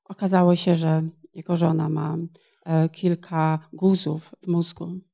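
A woman's voice: low voice, level tone, a little slow, creaky, warm tone. A woman interpreting a sermon phrase by phrase, in a plain manner with small hesitations.

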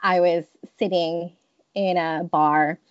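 Her voice is fairly low, with fairly even intonation and a slow pace, captured in a dry recording with the highs cut off. She is a woman in her thirties from the United States, sharing personal stories in an interview in a thoughtful, hesitant manner with many restarts.

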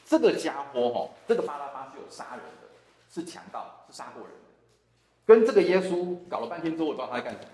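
A man's voice: on the high side, quick pace. Taiwanese mandarin guy teaching bible class, voice jumps up and down a lot, echoey room. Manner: animated, acts out the dialogue of the people in the passage. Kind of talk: Bible study lecture. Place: church classroom.

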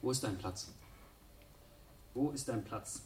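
A man plays a cold interrogator who fires question after question in a dark, mellow voice. He sounds a little off-mic, with faint noise behind him. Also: medium pitch, far from the mic, lightly acted. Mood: probing. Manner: relentless, rapid-fire questioning. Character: cold male voice interrogating a traveler.

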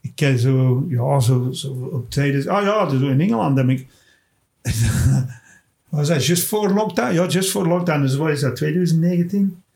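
A stand-up comedian from England, a man with a fairly high voice, chats casually. He tells his stories in an animated way, with little tag words thrown in to keep the listener with him. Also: normal speed, vocal fry. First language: English. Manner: animated storyteller, tags lines with "hè". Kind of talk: casual chat, telling stage anecdotes.

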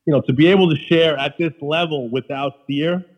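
A man's voice: on the high side, a little fast, low-quality recording. A man with a Queens, New York accent talking casually and emphatically as a guest, often repeating himself. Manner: emphatic, repeats himself, peppers talk with "you know". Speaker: podcast guest, restaurateur. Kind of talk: casual conversation.

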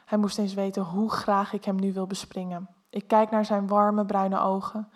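A woman reading an erotic story aloud in a soft, intimate first-person narration. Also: medium pitch, little pitch movement, normal speed.

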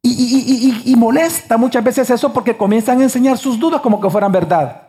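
A man's voice: very high voice, brisk, mellow. A pastor in his forties preaching a sermon, emphatic and full of rhetorical questions to the congregation.

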